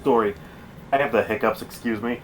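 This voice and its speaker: A man's voice: mid-range voice, expressive, moderate pace, slight background noise. A man streaming a game, chatting casually and rambling with lots of fillers and self-corrections. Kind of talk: casual chat while gaming.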